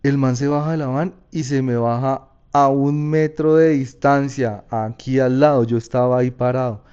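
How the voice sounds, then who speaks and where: A man with a Colombian Paisa accent telling a personal story in a casual, slangy, lively way. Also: medium pitch, lo-fi sound. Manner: casual, slangy, animated retelling.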